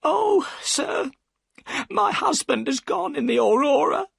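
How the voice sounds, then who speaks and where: A man voicing a worried, tearful boatman's wife in a high, pleading voice. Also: expressive, slow, gravelly, a bit bright, no room sound, clean studio sound, heavily acted. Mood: crying.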